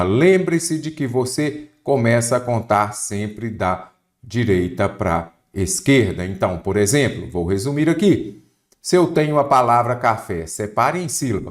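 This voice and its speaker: A man from Minas Gerais with a Brazilian Portuguese accent, teaching an online exam-prep grammar lesson and asking and answering his own questions. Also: mid-range voice.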